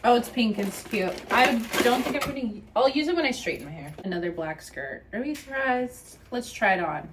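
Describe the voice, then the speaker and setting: A woman's voice: on the high side, fairly quick, few pauses, heavy background noise. A woman vlogger telling stories in casual chat, laughing often and acting out what people said. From England. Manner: animated, laughs often, acts out quotes.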